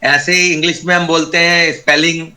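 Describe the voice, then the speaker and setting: Over what sounds like a video call, a man teaches an online Sanskrit class in a fairly high, bright voice that barely moves in pitch and runs a little fast. He explains patiently, step by step, repeating each key term.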